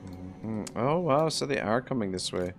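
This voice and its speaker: A man's voice: on the low side, expressive, moderate pace, over music. A man hosting a livestream, thinking aloud in casual strategy game commentary.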